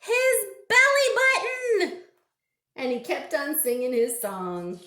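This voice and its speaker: Female storytime reader, high register, very measured pace, expressive and interactive delivery for small kids, roomy echoing sound. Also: a little hiss or hum. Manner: animated, slow and deliberate questioning with exclamations. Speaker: children's librarian reading picture books at storytime. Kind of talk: interactive read-aloud for young children, with sung refrains.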